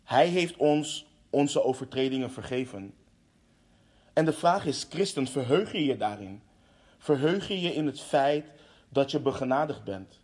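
A preacher delivering a sermon, impassioned, with restarts and fillers. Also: male voice, mid-range voice, expressive, a little slow, a little mellow.

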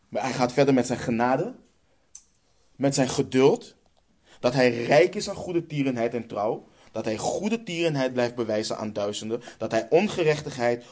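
A man's voice: mid-range voice, darkish tone. A man with a Dutch accent preaching a sermon, emphatic and stressing points by repeating phrases.

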